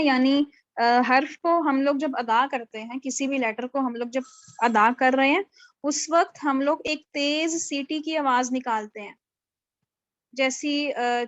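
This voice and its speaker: Woman teacher, high voice, dry close sound over a video call, explanatory and questioning. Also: no echo, highs cut off. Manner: explanatory, mixes English terms into Urdu, checks understanding with questions. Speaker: Quran recitation teacher. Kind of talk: live online lecture. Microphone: video call microphone.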